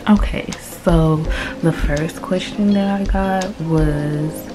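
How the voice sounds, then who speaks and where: Low-voiced young woman vlogging casually. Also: slow pace, music in the background. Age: 20s. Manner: relaxed, chatty, slangy. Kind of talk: casual chat to camera. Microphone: phone camera.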